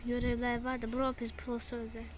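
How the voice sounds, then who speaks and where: With heavy background noise from loud game music, a young woman narrates her gameplay for her channel, her high-ish voice monotone and her pace normal. She sounds exasperated much of the time and complains to viewers.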